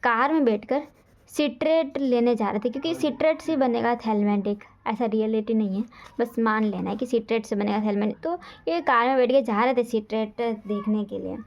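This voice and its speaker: A woman's voice: a little high, normal speed, darkish tone. A woman teaching pharmacy through a memory trick story, briefly acting out the characters in put-on voices. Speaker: pharmacy tutor. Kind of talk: mnemonic story lesson. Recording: dull lo-fi sound.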